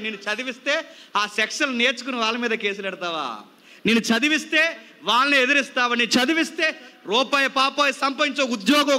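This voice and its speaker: High, bright-voiced scolding preacher man. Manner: scolding, rapid rhetorical questions. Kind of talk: youth sermon.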